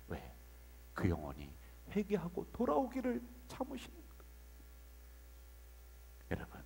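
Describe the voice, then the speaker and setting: A male pastor giving a dramatic sermon in a church, swinging between loud outbursts and hushed whispers. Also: extremely high pitch. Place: church sanctuary. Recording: long church hall reverb.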